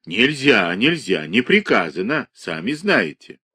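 A man voicing a rough, stubborn male hospital watchman who answers curtly and lectures in an audiobook reading. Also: on the low side, sing-song, unhurried, bright, forceful tone, no room sound, clean studio sound, exaggerated voice. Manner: curt, lecturing.

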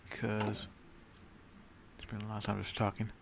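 A man's voice: fairly low pitch, completely flat delivery, a little slow, creaky, heavy background noise. A man narrating a strategy game in character with brooding, dramatic storytelling, rambling along and swearing casually. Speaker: game streamer.

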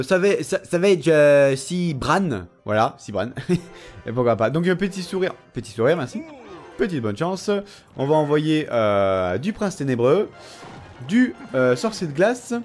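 A young man with a fairly high, very lively voice comments on his game in a relaxed, casual way. His throat is sore and a little strained, and he keeps teasing his opponent. Faint music plays underneath the recording. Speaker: gaming video creator.

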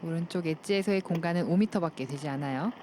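A woman's voice: fairly low pitch, fast talker, warm tone, slight background noise. A woman giving polite, explanatory analysis as a commentator on a live golf broadcast.

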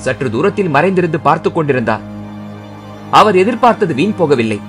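A man narrating a historical novel as an audiobook, reading in an expressive, dramatic way. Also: fairly high pitch, a little fast, faint music behind.

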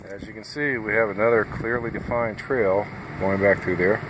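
A man's voice: lowish voice, normal speed. A man who works as a nuisance wildlife trapper, casually walking viewers through his trap sets outdoors on a farm and talking to them directly in a plain-spoken, folksy way. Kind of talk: casual outdoor video walkthrough. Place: outdoors on a farm field by a fence line. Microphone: handheld phone camera. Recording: phone recording outdoors with steady background noise.

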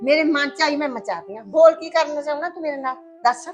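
A woman's voice: high-pitched, expressive, quick pace, dull audio. An actress playing a scheming, greedy stepmother who taunts and quarrels. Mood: scornful. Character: scheming greedy stepmother, sharp-tongued and scornful. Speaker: actor in a short film. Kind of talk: village family drama acting.

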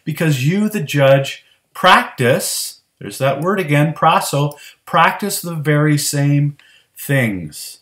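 A man's voice: mid-range voice, fairly bright tone, roomy sound. A man preaching an earnest verse-by-verse sermon as pastor, stressing key words with emphasis. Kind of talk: expository sermon. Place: church sanctuary.

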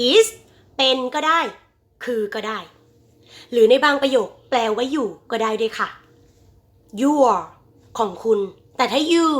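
A woman teacher drills English vocabulary, stretching each word out slowly so the children can repeat it. Her voice sits a little high, and her pace is unhurried throughout the bilingual lesson. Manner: addresses students fondly as children.

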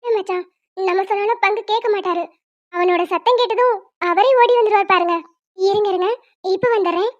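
A bossy, sensible young wife, voiced by a woman in a cartoon, always scolding and lecturing. Her voice is extremely high and squeaky. The recording sounds dull and lo-fi. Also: brisk, pauses often, no echo. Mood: firm. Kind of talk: cartoon voice acting.

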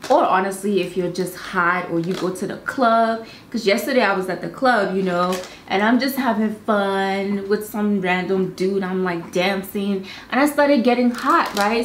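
Indoors in her home filming studio, a young woman beauty vlogger chats casually about products to the camera in a medium-pitched voice. She's bubbly and chatty with fast asides. Faint ambience fills the roomy studio, along with slight background noise.

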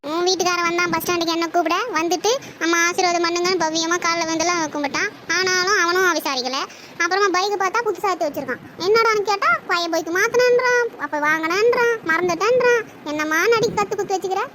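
A woman's voice: very high-pitched, quick pace. A woman voicing a nagging older mother-in-law in a family cartoon. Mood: scolding. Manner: scolding, complaining. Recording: noisy home recording.

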